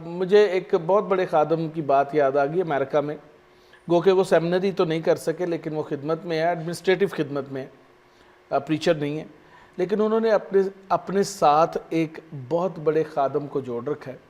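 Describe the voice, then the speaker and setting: A man speaking as a guest pastor on a talk show, measured and agreeable, slipping in English phrases. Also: a little high, darkish tone, muffled recording. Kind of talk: studio talk show discussion.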